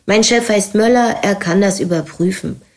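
Reader voicing a cold threatening undercover cop, flat and level, audiobook. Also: female voice, medium pitch, moderate pace, natural voice. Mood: cool. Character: cold, menacing undercover policeman.

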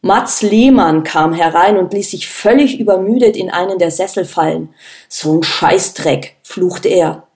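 A woman with a lowish voice narrates an audiobook from a script, in a steady, measured storytelling manner.

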